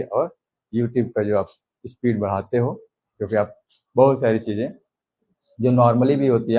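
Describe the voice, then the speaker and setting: Male commerce teacher, mellow husky voice, slow measured lecturing delivery. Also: rough recording. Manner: slow, unhurried explaining with demonstrative pitch changes. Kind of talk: classroom lecture.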